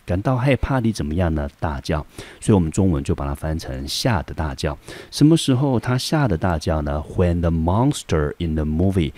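Male English teacher with a Taiwanese Mandarin accent and a very low voice, explaining words step by step in a lesson. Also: warm tone. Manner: asks and answers his own questions, frequent "好" fillers. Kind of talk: classroom vocabulary lesson.

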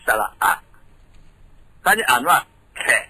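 A man's voice: unhurried, sharp tone, slight background noise, rough recording. A man from Thailand, a radio guest patiently explaining things in a studio, telling them like a story.

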